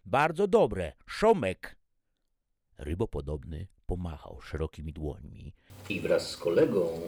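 Deep, gravelly male storyteller. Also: no room sound. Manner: expressive, animated storytelling. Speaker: narrator. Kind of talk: audiobook story reading.

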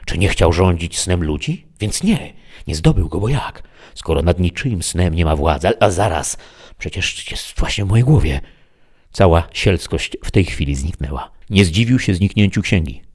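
A man narrating a fantasy story in a quiet, measured reading. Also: low-pitched, breathy edge, no room sound, studio quality. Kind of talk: audiobook fiction reading.

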